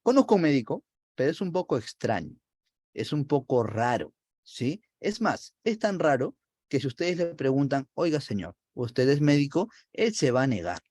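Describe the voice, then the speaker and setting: A man's voice: medium pitch, big pitch swings, normal speed, a little mellow, no echo. Scolding scheming wife, voiced by a man.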